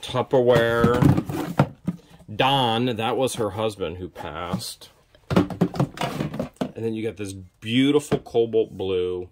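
A man's voice: lowish voice, slow, long pauses. A man in his thirties, hosting and joking as he digs through boxes at a storage unit, recorded outdoors on a body-worn camera. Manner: chatty, joking while digging through boxes. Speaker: storage unit buyer and host. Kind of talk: casual unboxing commentary. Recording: noisy outdoor recording with handling clicks.

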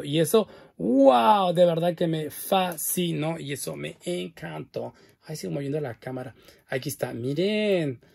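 Chatty man with a gravelly, husky voice. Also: a little high, darkish tone. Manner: exclamatory, chatty, addresses viewers directly. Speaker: doll collector vlogger. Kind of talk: casual unboxing and show-and-tell.

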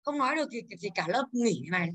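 Lady teacher in a classroom, high bright voice, keeps firing questions at the class. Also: animated, fast, breathy edge. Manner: drilling, asks the class questions. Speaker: English teacher.

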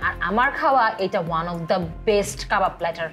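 Her mid-range voice is expressive, unhurried and a bit bright, set against soft background music. A food vlogger with a Bangladeshi Bengali accent, she reviews a restaurant's food to camera in a chatty way, mixing English into her speech.

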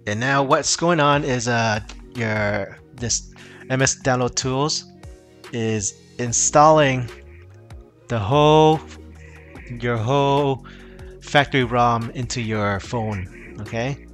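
Speaking slowly in a mid-range, fairly bright voice, a man casually explains a phone repair in a screen-recorded tech tutorial. He rambles and often restarts, with faint music in the background.

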